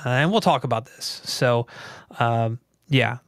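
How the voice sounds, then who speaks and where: A man's voice: mid-range voice, a little slow, a bit bright, dry recording, clean studio sound. A man hosting a casual livestream podcast from a home theater room, explaining things in an easygoing way with lots of fillers. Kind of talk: casual tech chat.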